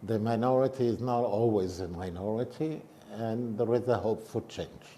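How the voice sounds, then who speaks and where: A man in his eighties, a retired professor, giving grave, measured interview answers. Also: lowish voice, mellow, slight background noise. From Israel. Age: 80s.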